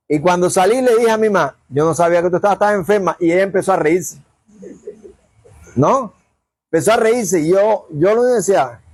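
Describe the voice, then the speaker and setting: High-voiced preacher telling stories. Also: male voice, husky, dry recording. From Cuba. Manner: animated storyteller acting out dialogue. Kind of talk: sermon storytelling.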